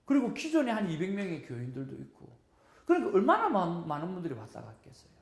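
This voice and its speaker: A woman's voice: lowish voice, wildly swooping pitch, quick pace, reverberant. A woman teaching at a church seminar, telling stories and earnestly urging her audience. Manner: earnest, storytelling, exhorting the audience. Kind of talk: teaching sermon.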